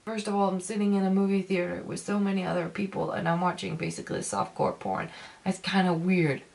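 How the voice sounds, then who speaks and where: A woman with a low, gravelly voice talks to her viewers in a casual review. She rants with heavy emphasis, stopping and starting and repeating herself to drive things home. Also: little pitch movement, a little mellow. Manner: emphatic, repetitive, halting ranting. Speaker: film reviewer.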